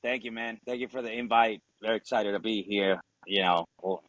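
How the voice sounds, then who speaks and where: A Marine veteran in his 40s, originally from Ecuador and a native Spanish speaker, tells his story as a podcast guest in a casual, informal way. He speaks briskly in a lowish, somewhat bright voice, swearing and leaning often on "you know" and "obviously." The recording is dry and muffled.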